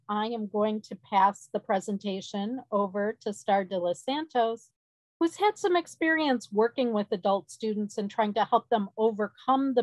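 A woman moderates an online education webinar, moving briskly through slides in an informal way, with frequent "um"s. Her voice comes through a video call mic with a dry, close sound and no room echo. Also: medium pitch. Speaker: session moderator. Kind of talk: webinar presentation.

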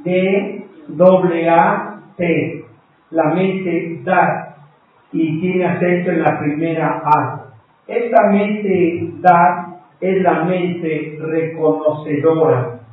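Teaching a Bible class over a live stream, this man speaks with a slightly high voice, fairly level intonation and stretched-out words. He patiently spells words letter by letter and calls his audience brothers, while the distant mic, echoing room and narrow phone-like tone color the recording.

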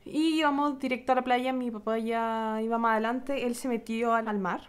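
Young woman, Chilean accent, casual vlog storytelling, animated, sound effects, fairly high voice. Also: moderate pace, smooth. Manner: animated retelling with sound effects and acted-out quotes. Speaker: vlogger.

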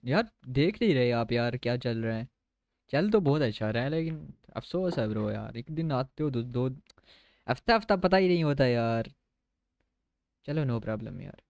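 A game streamer with a Pakistani Urdu accent chats casually over live gameplay, mixing English phrases into his commentary. His voice is mid-range, and the recording is dry.

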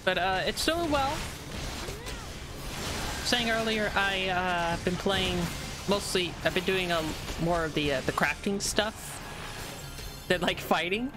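Woman streamer, unhurried and rambly, talks over clear game music. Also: mid-range voice. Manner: rambling, repeats words and restarts, apologetic. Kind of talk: casual live-stream chat while gaming.

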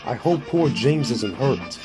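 A man's voice: mid-range voice, big pitch swings, slow, music in the background. A man voicing an eager little tank engine who puffs crossly and bosses the trucks, in a storybook reading. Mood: worried. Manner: puffing, cross and bossy toward trucks.

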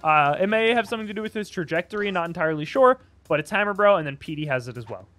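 A young man with a high-pitched voice calls a video game match in a loose, chatty way. He sounds excited whenever the action picks up. Faint music plays underneath. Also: racing. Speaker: commentator. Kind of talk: casual game commentary.

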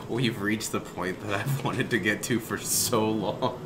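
A man giving casual comedic commentary while playing a video game, excitable, laughing often and swearing freely. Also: lowish voice, slow pace, a little hiss or hum. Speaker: co-host of a game playthrough.

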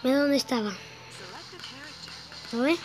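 Young Argentine woman from Rosario with a slightly high voice, chatty and offhand, a little coughy after just waking up, recorded on a phone over game music. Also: a little slow, poor audio. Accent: Argentine Spanish, Rosario. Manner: rambling, chatty, swears offhandedly. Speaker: gameplay streamer. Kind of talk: casual gameplay commentary. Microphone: phone recording app. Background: loud game music.

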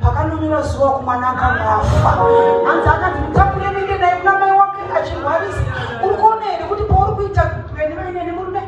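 A woman evangelist with a Zimbabwean accent, preaching a forceful sermon into a pulpit microphone. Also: extremely high pitch, fast talker, few pauses, lo-fi sound. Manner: forceful preaching, switching between Shona and English. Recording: echoey church hall, distant mic, loud music behind.

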